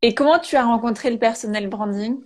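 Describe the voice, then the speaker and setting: A woman's voice: fairly high pitch, fairly quick. A woman hosting and moderating a live interview, eager, with frequent fillers in her introductions. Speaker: host and moderator.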